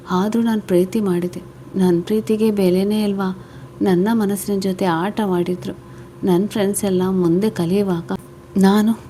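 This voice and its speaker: A woman's voice: medium pitch, warm tone, slight background noise, close to an everyday voice. Woman voicing a heartbroken young wife. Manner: tearful, pleading questions.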